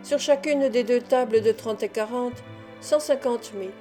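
A woman narrating a classic novel as an audiobook, in a measured, even reading. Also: on the high side, faint music behind. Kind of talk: scripted narration.

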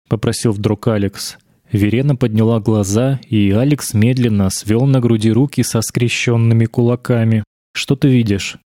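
A man narrating a fantasy audiobook in a steady, even storytelling manner. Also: fairly low pitch, no echo, clean studio sound. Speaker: audiobook reader. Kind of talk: scripted narration.

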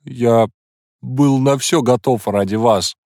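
A man's voice: mid-range voice, moderate pace, no echo, clean studio sound, voice pushed up, close to an everyday voice. A man reading a distraught devoted young man. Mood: earnest.

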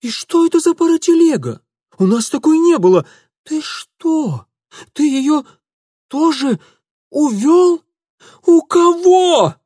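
A shrill, panicked old aunt, as a reader puts her on, her voice leaping high and loud with scandalized horror. She wails her lines slowly in a dry, close storybook reading. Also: expressive, dry recording. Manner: shrieking, wailing.

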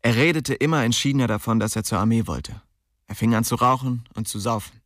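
An actor gives a lightly acted, first-person radio drama narration as a young streetwise man telling wry, colloquial stories of growing up in a small town. His mid-range voice moves briskly, recorded in clean studio sound with no echo.

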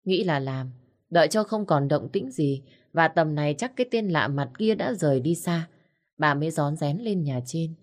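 A woman storyteller giving a measured, expressive reading of a dramatic story. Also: sits low.

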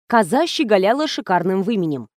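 A woman reading a first-person comic novel aloud in a lively, ironic storytelling manner. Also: medium pitch, fairly quick, no echo, studio quality. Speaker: audiobook narrator.

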